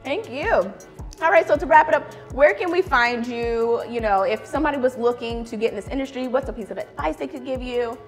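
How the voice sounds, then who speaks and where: Upbeat young woman host, lapel mic in a tv studio, highish voice, laughs a lot. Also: a little fast, soft background music. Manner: bubbly, enthusiastic, laughs often. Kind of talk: upbeat TV cooking show hosting. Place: TV studio set with city backdrop.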